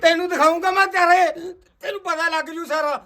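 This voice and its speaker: A man's voice: very high-pitched, steady tone, brisk, noisy background. A man playing a desperate male farmhand who keeps threatening to take his own life. He speaks, repeats the same threats insistently, and acts in an amateur village drama. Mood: distraught.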